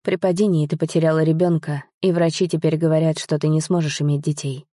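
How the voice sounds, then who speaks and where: A woman reading the lines of a young man, a tender, guilt-ridden lover, in a soft, pleading, earnest way. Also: low voice, little pitch movement, fast, no room sound, clean studio sound.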